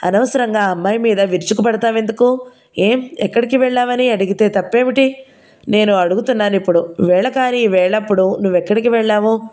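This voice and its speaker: Brief: woman doing a stern, accusing young man, mellow tone. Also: mid-range voice, fairly quick, close to an everyday voice. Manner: accusing, confrontational.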